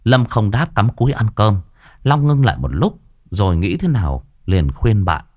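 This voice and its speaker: A man narrating a horror story in a lively, colloquial way. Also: on the low side, normal speed.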